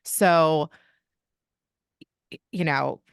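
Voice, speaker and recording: A woman from Kentucky chats openly about her family as a guest on a podcast, in casual interview conversation. Her low, creaky voice stays fairly even in intonation, drawing out words with a clear, resonant tone. The recording is studio quality, without echo.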